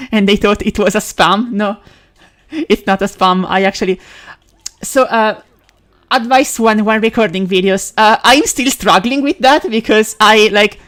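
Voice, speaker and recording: A medium-pitched woman whose first language is Italian chats casually on a live stream while gaming. She rambles, with many fillers, restarts and quick laughs.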